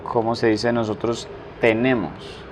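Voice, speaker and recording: A man teaching a language lesson, slowly and deliberately repeating each phrase for practice. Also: medium pitch, flat delivery, slight background noise. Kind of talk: French lesson taught in Spanish.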